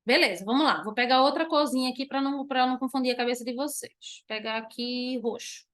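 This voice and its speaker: A woman's voice: sits high, fairly bright tone. A Brazilian woman teacher giving an online class, explaining patiently, posing questions and then answering them herself, and drawing out key words. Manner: drawn-out stressed words when demonstrating.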